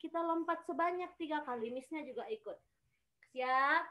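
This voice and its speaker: A woman with a high voice leads a children's exercise class over a video call. She coaches like a gym instructor, giving short, encouraging commands and counting out each movement. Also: normal speed, pushed and bright. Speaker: physical education teacher of young children, coaching like a gym coach.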